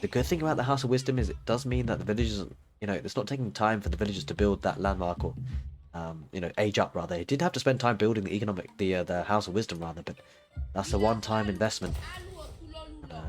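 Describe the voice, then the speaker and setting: A man giving steady play-by-play commentary on a strategy game match, explaining moves as they happen with frequent fillers. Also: lowish voice, quick pace, soft background music. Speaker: esports caster.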